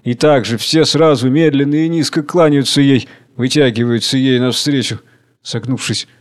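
A man reading a play aloud, delivering the stage directions in a measured, descriptive way. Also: medium pitch, steady tone. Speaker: reader.

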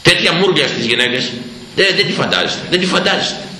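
A man's voice: on the high side, lively intonation, sharp tone, reverberant, slight background noise, rough recording. An older man preaching a stern, emphatic sermon as a priest, voice rising sharply to make his points. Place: church.

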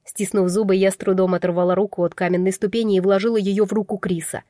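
A woman reads a first-person story aloud, expressive and emotional in her telling. Her voice is mellow and soft-toned, recorded close and dry with no room sound around it. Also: mid-range voice, fast, no room sound. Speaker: narrator. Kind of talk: first-person audiobook narration.

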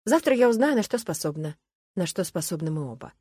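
A woman's voice: on the low side, very animated, a little fast, mellow, slightly rough, no room sound. A woman reading a first-person story aloud, in an earnest, reflective and emotional way.

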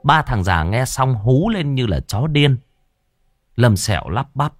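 A man's voice: mid-range voice, a little slow, soft background music. A man telling a comic ghost story vividly. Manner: lively, vivid narration.

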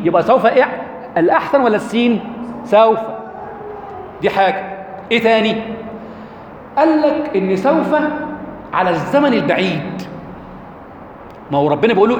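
Animated Egyptian man lecturing in an echoey hall. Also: high-pitched. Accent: Egyptian Arabic. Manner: lively, rhetorical questions to the audience. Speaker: lecturer on Quranic rhetoric. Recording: echoey hall, faint background noise.

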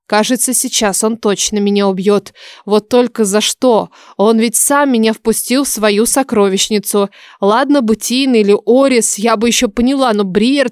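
A woman narrating a first-person fantasy audiobook in an expressive, lively storytelling manner. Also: a little high, no echo, studio quality.

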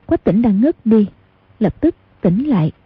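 A woman narrating an audiobook in a steady, measured way with a husky voice, on a tinny lo-fi recording. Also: a little high, no echo. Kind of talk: storytelling narration.

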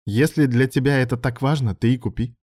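A man's voice: mid-range voice, fairly quick, darkish tone, dry recording, studio quality, pitched above the performer's own voice, close to an everyday voice. A man voicing a nervous, guilty young male doctor who talks in a strained, anxious way. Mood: soothing.

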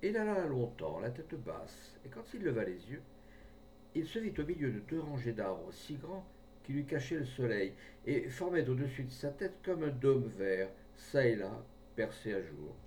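Man, audiobook reader, measured storytelling, distant mic, faint rumble. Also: big pitch swings, a little mellow. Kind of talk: reading a short story aloud.

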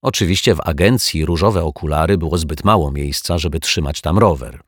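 A man narrating a children's storybook in an expressive, lively storytelling way, close to the mic. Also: extremely low pitch, fairly quick, dry recording. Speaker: audiobook narrator.

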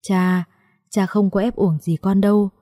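A woman voicing a poor, gentle old father who speaks tenderly in a husky, tearful voice. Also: medium pitch, flat delivery, a little slow, dry recording, clean studio sound, natural voice.

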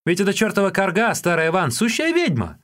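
A man voicing a cheeky young male street peddler who chatters in a high, excited voice. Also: fairly quick, full character voice.

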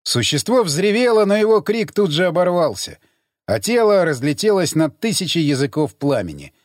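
A man narrating an audiobook in an expressive, theatrical style. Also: on the high side, normal speed, no room sound, studio quality.

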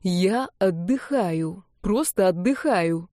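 A woman's voice: medium pitch, lively intonation, fairly quick, dark tone, dry recording, natural voice. A dizzy young man, pained and exasperated, grumbling his answers, as a woman reader puts him on. The voice is close and dry.

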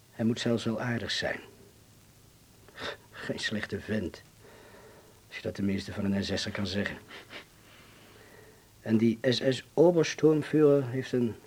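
In a Dutch radio drama, an actor plays a courteous, grave man in hiding, speaking formally and deliberately with a Netherlands Dutch accent. His voice is lowish, husky, and somewhat dark in tone.

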